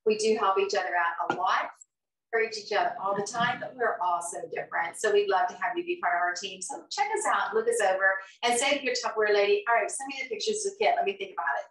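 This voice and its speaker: Broadcasting a cooking show live from her own kitchen, this woman in her fifties talks quickly in a medium-pitched, fairly bright voice. Her upbeat stream chat is chatty and encouraging, full of frequent laughter. The far-off camera microphone gives a spacious, distant kitchen sound.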